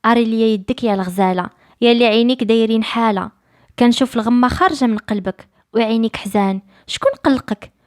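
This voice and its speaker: A woman with a Moroccan accent voicing a clever disguised seamstress who coaxes gently. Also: fairly high pitch, quick pace, close to an everyday voice. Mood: coaxing.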